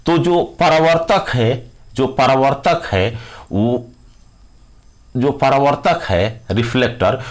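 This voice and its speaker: A man teaching an exam-prep science lesson, his voice rising and falling with lively emphasis. He repeats the same phrases over and over and talks straight to his students, with simple everyday examples. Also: mid-range voice.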